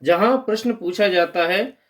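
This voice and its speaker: High-voiced man teaching grammar. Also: normal speed, a bit bright. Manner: explains step by step, stressing key terms. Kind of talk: exam-prep grammar lesson.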